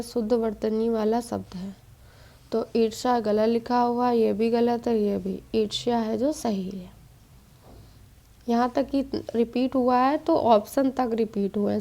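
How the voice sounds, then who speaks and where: Woman teacher, exam-prep spelling lesson, steady and explanatory, higher pitch, soft warm tone. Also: gravelly. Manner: steady explaining tone, mixes English quiz terms. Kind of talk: spelling quiz walkthrough lesson.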